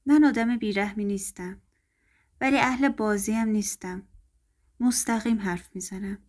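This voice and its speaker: A woman voicing a stern, wealthy man who talks bluntly and in a measured, businesslike way in a narrated story. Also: mid-range voice, a little mellow, close to an everyday voice. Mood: firm. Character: stern, cold wealthy man laying out a contract.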